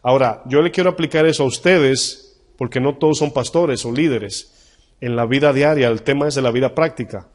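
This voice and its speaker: A male pastor preaching a sermon, reading Bible verses slowly and emphatically, asking the congregation questions and acting out short dialogues. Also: medium pitch. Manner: acts out little dialogues in changed voices.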